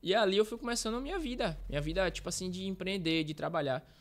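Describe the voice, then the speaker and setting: A man's voice: high voice, animated, quick pace. Rambling Brazilian man telling his story. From Bahia, Brazil. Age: 30s. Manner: rambling, self-correcting, uses slang fillers. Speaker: guest, street reporter. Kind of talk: casual interview storytelling.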